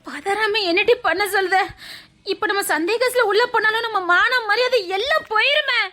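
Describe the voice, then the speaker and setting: A woman's voice: very high-pitched, moderate pace, sharp tone. A woman with a Tirunelveli accent voicing a frightened, pleading young village woman in an audio drama. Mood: panicked. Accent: Tirunelveli Tamil. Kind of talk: dialect audio drama acting.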